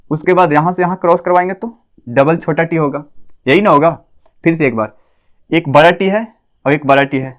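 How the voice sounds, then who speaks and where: A man teaching a class, asking questions and answering them himself, repeating key terms. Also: fairly high pitch. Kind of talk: classroom lesson at a board.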